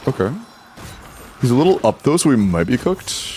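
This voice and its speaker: A male game streamer chats with his viewers in a loose, conversational way, often tripping over and repeating his words. His voice comes through livestream headset audio at an average pitch for a man. A faint hiss sits underneath. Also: sing-song, normal speed, dark tone. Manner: chatty, stumbles and repeats words while reacting. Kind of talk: casual livestream commentary while playing. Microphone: headset mic on a livestream.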